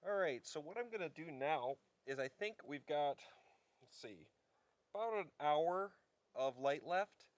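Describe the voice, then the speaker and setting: A man vlogging casually from a wilderness campsite, chatting in a relaxed way and gently coaxing his dog. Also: on the high side, a little slow. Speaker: outdoor vlogger. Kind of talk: casual vlog narration.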